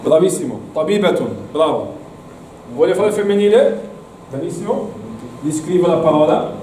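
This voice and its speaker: A man's voice: fairly high pitch, lively intonation, normal speed, warm tone, slight background noise. A man teaching an Arabic class to students, encouraging and repeating words, recorded from across an echoey classroom. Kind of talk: classroom lesson. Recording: echoey room, mic far off.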